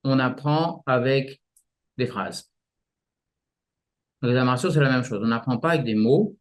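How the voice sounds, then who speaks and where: A man explaining martial arts practice in a relaxed interview, often restarting his sentences and using images. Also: medium pitch, measured pace. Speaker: martial arts teacher, guest.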